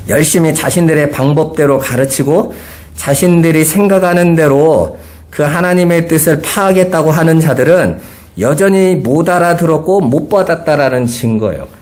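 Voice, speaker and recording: A middle-aged pastor delivers a Sunday sermon in an earnest preaching manner. He keeps posing rhetorical questions to his congregation. His man's voice sits somewhat high. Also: darkish tone.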